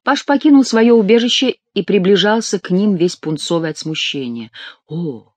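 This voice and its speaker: A man narrating a literary audiobook with an expressive storytelling reading on a close mic. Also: sits high, normal speed, no room sound.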